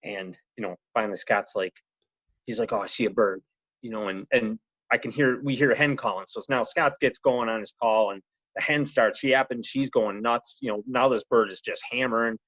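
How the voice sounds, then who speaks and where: A man's voice: medium pitch, normal speed, no echo. Rambling man telling a story, dry muffled sound. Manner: rambling, animated, lots of "you know" and "he goes". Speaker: podcast guest. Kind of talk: casual storytelling. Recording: slightly muffled podcast audio.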